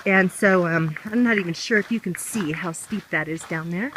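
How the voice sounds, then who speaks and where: A woman's voice: fairly low pitch, moderate pace, background noise. A woman vlogging casually outdoors on a handheld camera, talking while walking through a trail race. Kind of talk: casual vlog chat.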